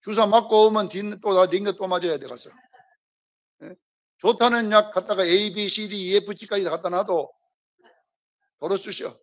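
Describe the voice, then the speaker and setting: Man as pastor, preaching in an emphatic style that keeps prodding the congregation, high and gravelly delivery. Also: measured pace, pauses often. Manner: emphatic preaching, rhetorical questions, repeated prompting of the congregation. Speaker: senior pastor. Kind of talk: sermon. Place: church service.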